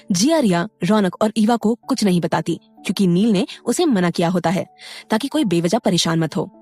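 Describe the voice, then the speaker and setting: A woman narrating an audio story in an even storytelling manner. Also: mid-range voice, no echo.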